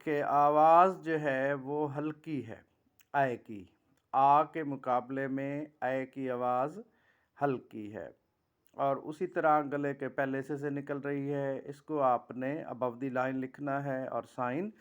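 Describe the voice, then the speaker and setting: A man with a Pakistani accent teaching shorthand, explaining vowel sounds step by step and slowly dictating practice sentences word by word. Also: medium pitch, steady tone, clean tone. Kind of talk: classroom lecture.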